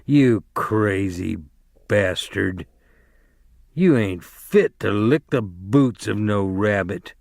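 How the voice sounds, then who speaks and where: A man reading aloud, voicing a giant imaginary rabbit that sneers and taunts in rough, folksy speech. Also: on the low side, slow pace, a little mellow, no room sound, studio quality. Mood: scornful.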